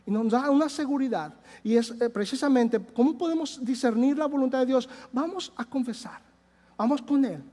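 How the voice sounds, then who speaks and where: A man's voice: extremely high pitch, moderate pace, warm tone. A man, preaching a sermon as pastor in a conversational way, telling personal stories with frequent hesitations. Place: church sanctuary. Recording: long church reverb.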